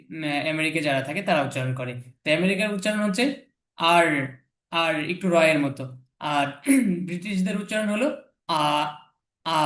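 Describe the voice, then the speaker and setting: A man's voice: fairly high pitch, a bit bright. A man teaching English letter pronunciation in an online class, patiently repeating each sound. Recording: echoey room.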